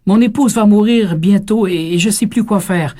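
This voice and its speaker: A man's voice: high voice, moderate pace, mellow, pitched above the performer's own voice. A priest voicing a remorseful middle-aged man who pours out his confession in tears. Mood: tearful pleading. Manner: pleading, tearful outpouring.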